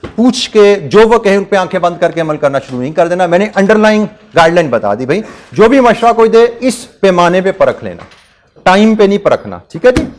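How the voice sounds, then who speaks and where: Middle-aged male lecturer; high, very animated voice; earnest, repeats his advice. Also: fairly quick. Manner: earnest, repeats points, addresses students as beta and bhai. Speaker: teacher.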